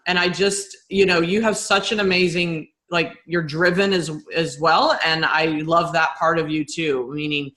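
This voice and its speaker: A woman's voice: fairly low pitch, fairly even intonation, normal speed, few pauses, a bit bright. A woman hosting a podcast, effusive and rambling, with many fillers and restarts. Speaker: podcast host. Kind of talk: casual podcast interview.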